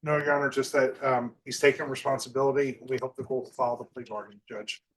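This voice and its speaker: Male defense lawyer in court, quick short formal answers, bit of noise behind. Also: medium pitch, little pitch movement, a bit bright, poor audio. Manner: deferential, concise. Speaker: defense attorney. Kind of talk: brief formal courtroom replies.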